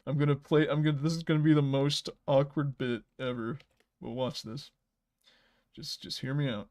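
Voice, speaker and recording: A man hosting a casual livestream, rambling while he edits and often trailing off into soft mutters. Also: mid-range voice, steady tone, moderate pace. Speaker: livestream host.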